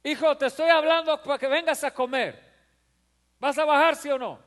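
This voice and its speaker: A man's voice: very high voice, level tone, a little slow, pitched above the performer's own voice. A man voicing a loving mother who calls her son to dinner, sweet and coaxing. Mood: stern. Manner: sweet and coaxing, then sharp and insistent. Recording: long hall reverb.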